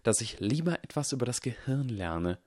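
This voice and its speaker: A man reading the part of a proud, suspicious young aristocratic wizard who speaks in a hushed, clipped way. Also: mid-range voice, very animated, moderate pace, no echo, clean studio sound, pitched above the performer's own voice. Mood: hard, wary.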